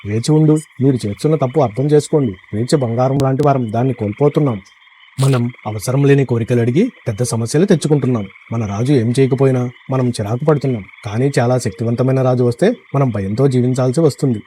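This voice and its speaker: A man's voice: mid-range voice, fast, mellow, a little hiss or hum, close to an everyday voice. A man voicing a wise old frog elder who speaks in an earnest, lecturing way in a storybook tale. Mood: scolding.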